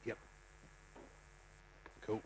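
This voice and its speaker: A man who chairs a local council meeting as mayor. He has a New Zealand accent, talks in a relaxed way with many ums, and speaks up when he calls the votes. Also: drawn-out words, slight background noise, rough recording.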